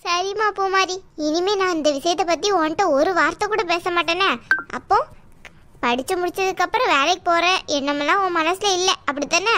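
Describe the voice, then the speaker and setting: A woman voicing a chatty, pushy middle-aged auntie who insists on arranging a match in an animated story. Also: very high-pitched, brisk, a little hiss or hum. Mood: coaxing. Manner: coaxing, insistent, talks at length. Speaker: married neighbour acting as matchmaker. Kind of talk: cartoon voice acting.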